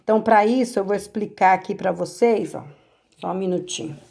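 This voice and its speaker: A woman's voice: medium pitch, a little fast, gravelly, a little mellow. A Brazilian woman teacher patiently going over homework corrections, explaining step by step and checking in with her pupils. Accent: Brazilian Portuguese.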